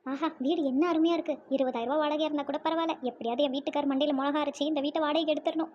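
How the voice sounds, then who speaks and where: A woman's voice: high-pitched, steady tone, racing, darkish tone, lo-fi sound, slight background noise, natural voice. Woman doing a fretful, flustered cartoon housewife. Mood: eager. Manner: exclaiming, fretful, scolding. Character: flustered thrifty housewife hunting for a flat.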